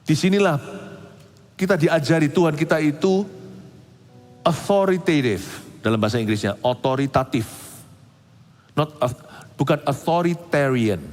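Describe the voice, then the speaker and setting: A middle-aged male pastor giving an animated sermon, moving between soft, intimate passages and emphatic outbursts, with English phrases mixed in. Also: mid-range voice. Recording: reverberant hall.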